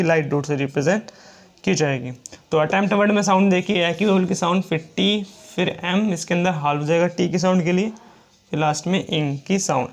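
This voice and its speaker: High-voiced man teaching a lesson. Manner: slow, repetitive explaining, reads rules aloud. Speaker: shorthand teacher. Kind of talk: classroom lesson.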